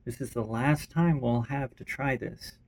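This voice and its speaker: A man's voice: mid-range voice, a little slow, creaky, a little mellow. A man voicing a weary non-binary vampire survivor in a homemade story reading, blunt and tired. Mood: determined.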